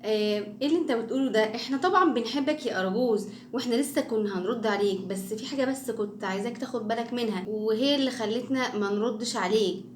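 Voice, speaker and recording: A woman with an Egyptian accent hosting a children's show, coaxing and lively as she talks to young viewers. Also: a little high, rapid-fire, hardly any pauses, a little hiss or hum. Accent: Egyptian Arabic. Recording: echoey room.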